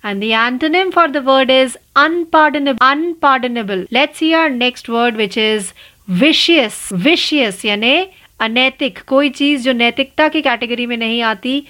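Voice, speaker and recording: A woman teaching an exam-prep vocabulary lesson, repeating each word deliberately and spelling it out letter by letter. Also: sits high, fairly bright tone.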